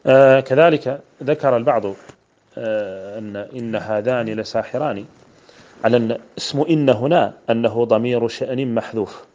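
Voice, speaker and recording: Male sheikh from Mauritania, quick grammar lesson, mid-pitched, recorded lo-fi. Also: darkish tone. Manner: repeats and spells out word forms, chants quoted verses. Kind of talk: explaining a grammar poem line by line. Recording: dull lo-fi recording.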